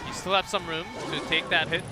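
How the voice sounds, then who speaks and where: Man, esports color commentary, analytical, high pitch, halting, music behind. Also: little pitch movement. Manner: analytical, laughs often, halting restarts.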